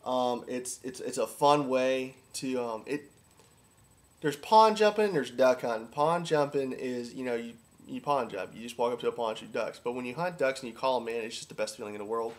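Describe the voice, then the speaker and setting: A duck calling instructor with a medium-pitched voice talks at a moderate pace. His how-to is casual and informal, repetitive in places, and driven by enthusiasm for the subject.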